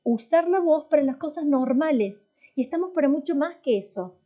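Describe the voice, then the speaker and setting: A woman with a high, mellow voice teaches a church class, talking it through casually and quizzing the students as she goes. She often breaks off and restarts her sentences. The recording sounds dull and lo-fi. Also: animated, moderate pace. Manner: conversational, asks the class questions, many restarts. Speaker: worship and voice teacher.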